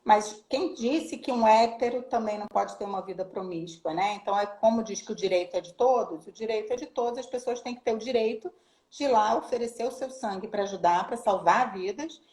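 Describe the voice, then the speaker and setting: A woman's voice: medium pitch, brisk. A woman from Rio de Janeiro with a Brazilian accent, a human rights official chatting casually as a guest and vividly acting out stories. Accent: Brazilian Portuguese, Rio de Janeiro. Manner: animated storyteller, acts out quoted voices. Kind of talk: casual chat, storytelling. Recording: roomy echo.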